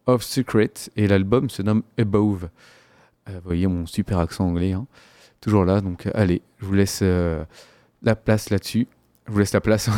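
A man's voice: low voice, mellow, no echo. A man hosting a radio music show, presenting casually between tracks in a hesitant, rambling way, full of fillers. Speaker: radio host.

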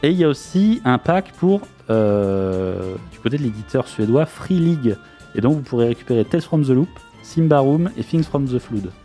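Laid back radio guy, warm low-ish tone, jokes around, soft music in the back. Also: moderate pace. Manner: relaxed, joking, with fillers. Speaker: radio show co-host giving role-playing game news. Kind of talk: casual radio chat. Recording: radio studio with faint music behind.

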